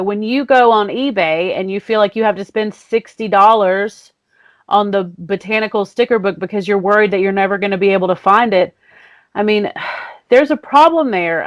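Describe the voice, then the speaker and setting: A woman's voice: medium pitch, normal speed, no room sound, clean studio sound. A woman co-hosting a podcast in casual chat, chatty and self-mocking. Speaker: podcast co-host.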